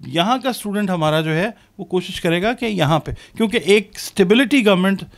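A man with a Pakistani accent, an astrologer and business professor giving measured, explanatory interview answers sprinkled with English terms. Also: high-pitched, expressive.

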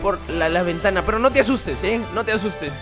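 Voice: mid-range voice, fairly quick, a bit bright, soft background music, lightly acted. A performer playing a nervous father who hesitates and stammers with many fillers.

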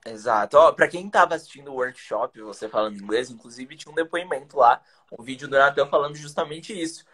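A young man from Brazil who teaches English talks at a quick pace in a medium-pitched, a bit bright voice. On a webcam video call from a small room indoors, he chats energetically with slang and rhetorical questions. It's casual live-stream talk offering teaching tips.

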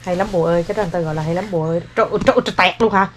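A woman's voice: fairly low pitch, racing. A woman filming her child at home, exclaiming and praising in a casual family video. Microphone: handheld phone camera. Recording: home video with loud background noise.

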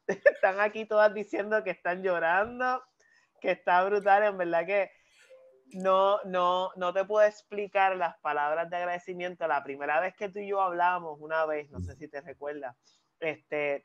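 A woman's voice: fairly low pitch, muffled recording. A woman co-hosting, talking in an earnest, emotional way about how a talk moved her. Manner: emotional, earnest, with many restarts. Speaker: co-host. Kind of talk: casual heartfelt chat.

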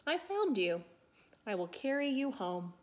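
A woman's voice: a little high, sing-song, measured pace. A woman voicing a kind, caring male shepherd in a children's storybook reading, calling out reassuringly to a lost lamb. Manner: calls out reassuringly.

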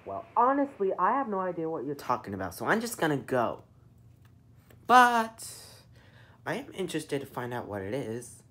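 A woman voicing a mild young male fox mechanic for a plush toy fan show, speaking softly and sheepishly. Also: low-pitched, wildly swooping pitch, moderate pace, full character voice. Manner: soft-spoken, sheepish and mildly exasperated.

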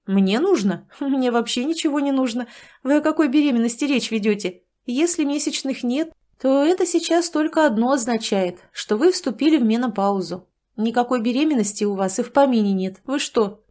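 A woman's voice: fairly high pitch, lively intonation, moderate pace, dark tone, voice pushed up, close to an everyday voice. A woman doing a droning, bored doctor. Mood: dismissive. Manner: droning, dismissive. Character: bored, monotonous woman gynecologist.

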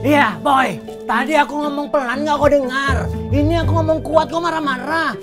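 A man's voice: very high voice, normal speed, music in the background. A man acting in a comedic skit, bantering in brash slang.

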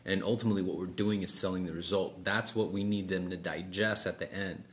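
A middle-aged man with a deep voice and fairly even intonation speaks a little fast during casual one-on-one coaching. He explains, acts out sample sales exchanges and checks in frequently, inside a small office meeting room where room noise is clearly heard.

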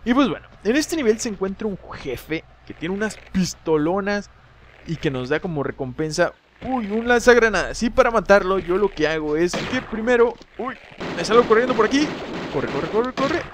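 A high, lively man's voice talking through a video game walkthrough. He swings from relaxed chat to sudden shouts when enemies appear. He jokes about his own slip-ups, and a faint noise sits under his voice. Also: normal speed. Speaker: gameplay guide host.

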